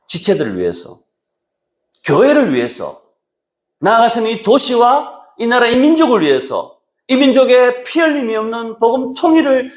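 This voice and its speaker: A male pastor preaching a sermon, moving between raised exhortation and quiet low asides. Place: church sanctuary.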